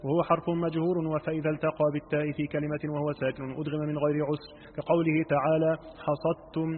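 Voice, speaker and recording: A man reading a classical recitation text aloud to his teacher, slowly chanting the example words. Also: a little high, little pitch movement. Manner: slow measured reading, drawn-out chanted words. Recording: tinny phone-like line, long reverb.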